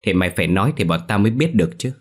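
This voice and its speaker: A man voicing a blunt, quick-tempered village boy in a spoken ghost story. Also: lowish voice, expressive, slightly rough. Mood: irritated. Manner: blunt, threatening.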